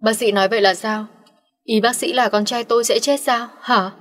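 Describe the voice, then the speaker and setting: A woman's voice: fairly high pitch, steady tone, moderate pace, lightly acted. A woman voicing an elderly father over sixty who demands answers urgently and sternly. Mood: agitated. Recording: long reverb.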